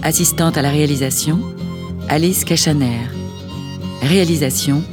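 A woman's voice: low voice, fairly even intonation. A woman reading out the closing credits of a radio drama in a formal way. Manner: slow, formal. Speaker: credits announcer. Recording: music playing behind.

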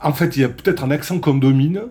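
A man who works in television, with a southern French accent, telling an anecdote in a measured way. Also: medium pitch, warm tone, a little hiss or hum. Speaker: television presenter. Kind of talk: reflective interview testimony.

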